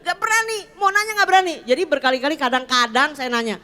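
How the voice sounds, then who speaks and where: A woman's voice: sits high, big pitch swings, quick pace, bright, forceful tone. A woman pastor preaching a sermon in a chatty storytelling way, slipping into playful slang. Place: church.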